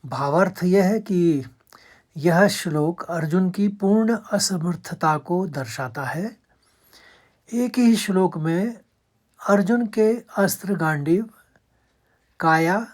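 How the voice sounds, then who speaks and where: Slow, patient woman teaching verse chanting. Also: on the low side, darkish tone. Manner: chants verse lines slowly, then explains in quick asides; patient, step-by-step instruction. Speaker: Sanskrit recitation teacher. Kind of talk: verse recitation lesson.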